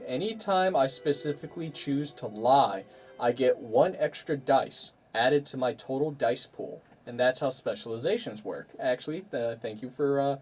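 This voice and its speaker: A man hosting a stream as game master, playfully walking players through tabletop rules. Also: mid-range voice. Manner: animated, playful explainer.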